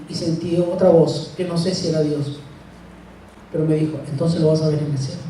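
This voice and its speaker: Middle-aged man, dark voice, echoey church. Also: on the high side, slight background noise. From Chile. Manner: slow, halting, grief-heavy storytelling with long pauses. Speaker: speaker at a church. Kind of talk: personal testimony talk. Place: church hall. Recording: echoey hall, mic far off.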